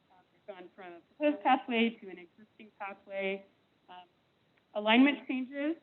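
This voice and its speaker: A woman staff presenter explaining a plan to a meeting, speaking through a face mask, her voice cutting in and out. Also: on the high side. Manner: measured, explanatory, frequent ums. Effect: voice cutting in and out over a thin remote line. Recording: tinny phone-like line, breaking up.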